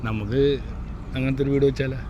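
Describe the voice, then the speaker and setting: A man's voice: medium pitch, fairly even intonation, quick pace, muffled recording, noisy background. A man with a Kerala accent giving a casual vlog tour, mixing English words into Malayalam and often prompting his companion with short questions. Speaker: travel vlogger.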